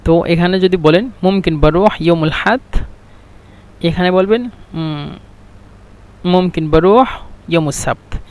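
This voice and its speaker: A man with a Bangladeshi Bengali accent teaching an Arabic lesson, repeating phrases slowly to drill them. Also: high voice. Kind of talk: explaining a language lesson.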